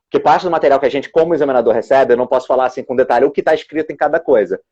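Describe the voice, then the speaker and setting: Man teacher and examiner, mellow low voice, often restarts his sentences, dull lo-fi video-call sound. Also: racing. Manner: thoughtful, restarts words often while explaining. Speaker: English teacher and exam examiner. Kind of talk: explaining on a live video stream.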